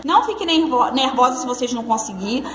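At a salon table, a Brazilian nail instructor films a hands-on tutorial on her phone camera, talking fast in a high-pitched, animated, slightly bright voice. She's casual and chatty, reassuring viewers she calls girls and friends.

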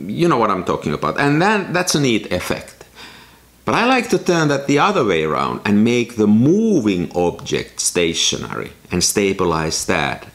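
A man narrating his own photography vlog in a casual, explanatory way, walking through camera technique step by step. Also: fairly low pitch. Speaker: photography vlogger.

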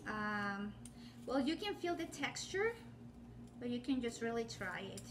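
Woman, thirties, high-pitched, chatty and rambling, home kitchen, faint background noise. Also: sing-song, unhurried. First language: Spanish. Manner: chatty and rambling, with many fillers and self-corrections. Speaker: home cooking channel host. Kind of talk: casual cooking demonstration. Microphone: phone or camera set up on the counter, framed from the waist up.

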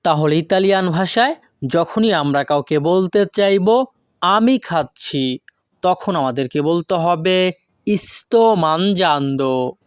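Slow, deliberate teacher. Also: medium pitch, expressive, smooth, dry recording, studio quality. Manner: deliberate, repeats each foreign phrase slowly, asks and answers own questions. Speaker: language teacher. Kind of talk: online language lesson.

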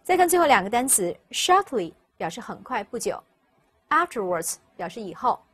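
A woman teacher, explaining English vocabulary step by step and repeating each word slowly for students. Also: fairly high pitch, big pitch swings, fairly bright tone, slightly rough. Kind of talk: recorded vocabulary lesson.

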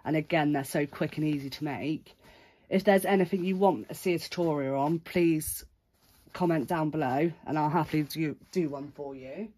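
A woman with a deep, mellow voice, blocked up by a cold, speaks at a moderate pace in a casual vlog. Seated at a craft table indoors, she chattily presents her handmade work and states the price of each piece.

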